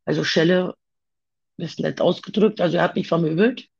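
A woman talking haltingly about her own past in a personal conversation, with many pauses and fillers. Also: fairly low pitch, creaky, a little mellow, husky, muffled recording.

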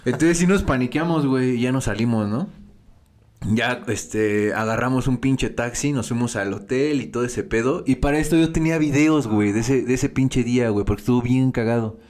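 A man with a Mexican accent, a podcast guest telling a story in casual, slangy talk with animated delivery and laughter. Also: mid-range voice, fairly quick.

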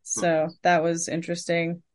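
A woman hosts a casual podcast chat and keeps affirming what her guest says. Her voice sits low for a woman, and she speaks plainly and steadily. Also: completely flat delivery, a little slow, a little mellow. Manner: agreeable, affirming. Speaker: podcast host. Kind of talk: casual conversation.

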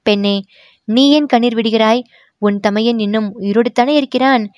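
A woman's voice: on the high side, moderate pace, darkish tone, no echo, close to an everyday voice. Woman reading a stern, proud royal princess for an audiobook, dry close sound. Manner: stern, reproachful.

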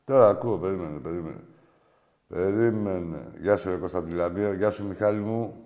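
A man hosts a call-in show in a slightly low voice. He talks bluntly and swears a lot. He flips between shouting outbursts and low asides. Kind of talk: casual call-in banter.

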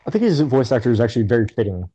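A man in casual chat, laid-back and swearing freely in lively banter. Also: mid-range voice, racing, a crowd in the background. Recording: dull lo-fi mic.

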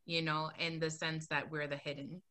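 A woman's voice: sits low, flat delivery, normal speed, sharp tone. A woman hosting a podcast, talking candidly and emotionally, laughing often as she speaks. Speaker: podcast host. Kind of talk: casual podcast conversation.

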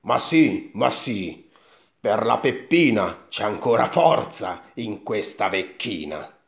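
A man's voice: fairly low pitch, animated, slow pace, vocal fry, heavily acted. A man doing a nagging old mother. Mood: scolding. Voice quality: sharp, nagging. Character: bossy, scolding old mother. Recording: dull lo-fi recording.

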